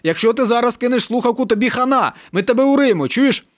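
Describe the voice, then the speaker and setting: A man shouting as two frantic young ad men. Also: very high-pitched, lively intonation, quick pace, no room sound, clean studio sound, pitched above the performer's own voice. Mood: furious yelling. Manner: shouting, threatening, swearing.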